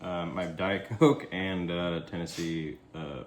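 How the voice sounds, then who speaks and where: A man's voice: low voice, fairly even intonation, unhurried. A man chatting casually at home, laid-back, hedging with fillers and laughs. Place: home indoors. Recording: roomy home sound with background noise.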